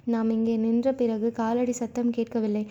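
Woman reading a gentle young man. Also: very high voice, flat delivery, normal speed, lo-fi sound. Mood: earnest.

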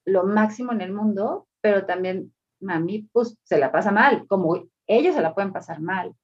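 A woman's voice: mid-range voice, normal speed, husky, dull audio. A woman in casual conversation who reflects on parenting and adds examples from her own daughter. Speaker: mother in parenting chat. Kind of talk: casual chat.

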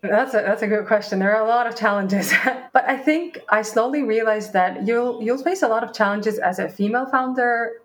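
A young adult woman from Sweden, a startup founder, answers interview questions in a chatty style. Her voice is on the high side, her speed normal with few pauses, and she often restarts her words and acts out past conversations.

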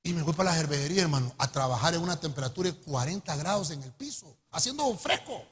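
A middle-aged man with a Honduran accent preaching a testimony sermon, telling his story in an animated way and calling his listeners brother. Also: a little high, quick pace. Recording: echoey hall with long reverb.

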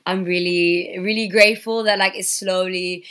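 A young woman from Senegal, a guest artist in an interview, speaking thoughtfully with frequent pauses and fillers. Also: on the low side, steady tone, a bit bright. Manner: thoughtful, many fillers and restarts. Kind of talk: casual interview.

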